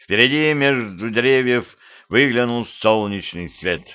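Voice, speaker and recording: A man reading a humorous spooky audiobook in a steady, even storytelling manner, recorded at home with dull lo-fi sound. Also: mid-range voice, a little slow, clear, resonant tone. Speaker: audiobook narrator. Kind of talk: scripted narration.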